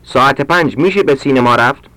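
A man reading short practice sentences aloud for language learners, slowly and with careful enunciation. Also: medium pitch, bright, forceful tone, dry recording. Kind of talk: read-aloud Persian drill sentences for learners.

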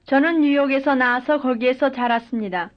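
The recording is dull and lo-fi, with a woman whose voice sits high speaking full model sentences in a language drill. She keeps a brisk pace and an even, careful delivery.

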